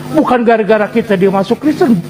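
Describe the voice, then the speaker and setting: A man's voice: high voice, animated, fast, darkish tone, slight background noise. A man who works as a lawyer, explaining his faith earnestly with hesitations and restarts in a voice-chat debate. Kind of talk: casual argument in voice chat.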